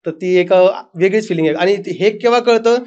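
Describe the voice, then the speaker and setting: A man's voice: sits high, brisk, a little mellow, muffled recording. A man, a family vlogger, telling his story earnestly in a casual interview.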